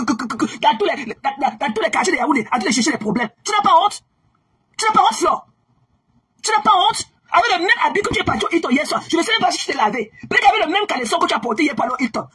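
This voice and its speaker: High-pitched woman scolding heatedly. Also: a bit bright. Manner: scolding, repetitive, swings between low and raised voice. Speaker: social media commentator. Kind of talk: heated gossip rant.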